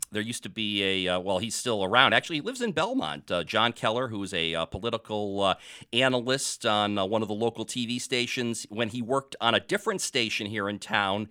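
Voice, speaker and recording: A man's voice: on the low side, animated, moderate pace, pushed and bright, smooth, no echo, studio quality. A middle-aged man from New England hosting a sports talk podcast, chatting casually with lots of fillers. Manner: chatty, hesitant with many fillers.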